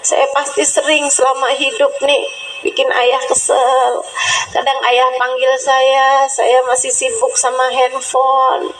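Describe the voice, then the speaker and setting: A woman's voice: sits high, little pitch movement, slow, fairly bright tone. A woman acting a tearful, grateful young woman. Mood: pleading. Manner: pleading, emotional. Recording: echoey with faint music.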